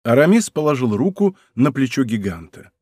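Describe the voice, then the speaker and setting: A man reading a novel aloud as audiobook narrator, measured and expressive. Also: medium pitch, no echo, studio quality. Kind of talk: scripted narration.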